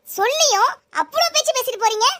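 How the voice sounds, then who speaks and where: A woman's voice: very high voice, expressive, quick pace, pushed and bright, a little hiss or hum, pitched above the performer's own voice, exaggerated voice. A woman playing a young daughter-in-law who is filming a vlog and talks back to her mother-in-law in a comedy sketch. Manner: sugary to the camera, defensive. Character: young vlogging daughter-in-law, sweet then snippy. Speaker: vlogger.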